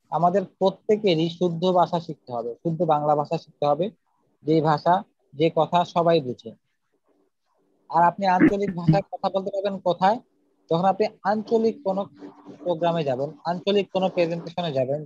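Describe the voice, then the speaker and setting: A man's voice: sits high, warm tone, dry recording. A man teaching a public speaking lesson, earnest and methodical, going through numbered points. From Bangladesh. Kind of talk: spoken lesson. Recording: slightly dull, dry recording.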